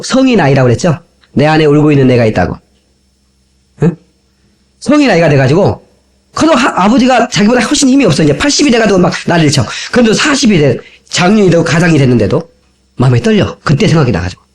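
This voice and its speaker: A man preaching a sermon as a pastor, talking animatedly and acting out the people in his stories, from an old cassette tape. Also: on the high side. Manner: animated, acts out quoted voices.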